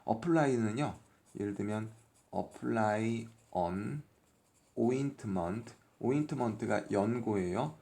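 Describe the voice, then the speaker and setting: Slow, mellow-voiced male phonics teacher. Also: fairly low pitch. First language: Korean. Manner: sounds out letters one by one, patient and methodical. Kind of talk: workbook lesson explained step by step.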